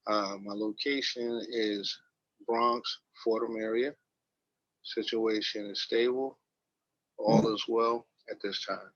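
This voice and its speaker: A man's voice: lowish voice, fairly even intonation, slow pace, fairly bright tone, no echo. A man calling in to a radio net for a check-in, heard over a two-way radio link and using terse radio procedure speech. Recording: dry lo-fi radio audio.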